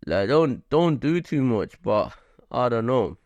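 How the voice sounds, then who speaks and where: A man giving casual commentary for his vlog in a loose, slangy style, filling his talk with "like" and "you know". His voice sits at an everyday middle pitch. The recording is dry and close, with almost no room sound. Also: sing-song, slow pace, a little mellow, no room sound, dull audio. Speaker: combat sports commentator, channel host.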